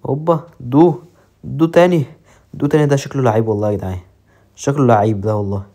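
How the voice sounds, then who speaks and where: A man with an Egyptian accent commentating his own football game match with excited, joking play-by-play. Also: medium pitch, quick pace. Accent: Egyptian Arabic. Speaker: mobile football gamer.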